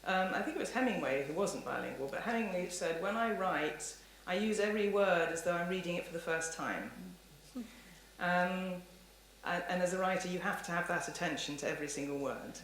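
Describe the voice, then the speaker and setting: Speaking briskly in a lowish voice, a female lecturer responds to questions from the audience, musing and hedging as she wanders through her answers. The recording picks up the roomy acoustics of the indoor lecture hall and some faint background noise.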